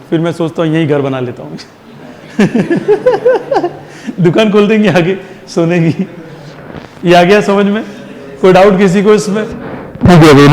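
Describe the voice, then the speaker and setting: A man with a high voice teaches a physics class. He keeps firing questions at the students and answering them himself, drilling each point, and slips English terms into his talk. His voice rings with a long reverb, as if the room is a large hall. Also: darkish tone. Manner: mixes Hindi with English terms. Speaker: science teacher.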